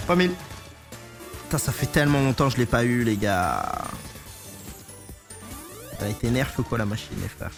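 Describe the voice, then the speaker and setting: A man's voice: medium pitch, animated, moderate pace, long pauses. A man giving exuberant, slangy livestream commentary, swearing and repeating his words. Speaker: gambling streamer. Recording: clear music behind the voice. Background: music.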